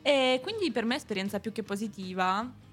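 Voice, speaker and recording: A woman's voice: on the high side, lively intonation, brisk. A young woman co-hosting a radio show in casual, unscripted chat, enthusiastic and informal in her phrasing. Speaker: radio co-host. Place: radio studio.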